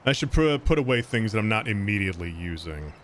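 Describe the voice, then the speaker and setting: Streaming a game, a man chats casually with viewers, reads out donations and thanks donors, rambling with lots of fillers and restarts and laughing often. His voice is on the low side and fast, with lively intonation. There's slight background noise.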